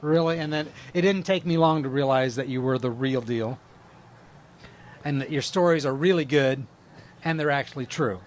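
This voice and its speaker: A man's voice: medium pitch, moderate pace, a little hiss or hum. A man co-hosting a live radio show, speaking hesitantly with fillers as he introduces his friend. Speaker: radio co-host. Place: live event at a bar.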